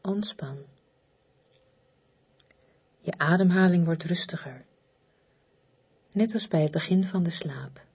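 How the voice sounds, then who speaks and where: Woman, guided meditation, soft and very breathy, near whisper, slow soothing repetitive delivery, slightly dull recording. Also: on the low side. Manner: soothing, hypnotic, repetitive, with long pauses. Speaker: relaxation guide.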